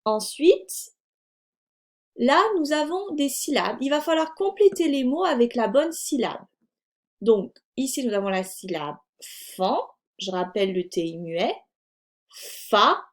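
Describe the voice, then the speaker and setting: A woman's voice: high voice, expressive, measured pace, a little mellow. A woman teaching young children in a French accent, patiently spelling out sounds and words one at a time. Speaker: primary school teacher. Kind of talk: slow, clear lesson for young children.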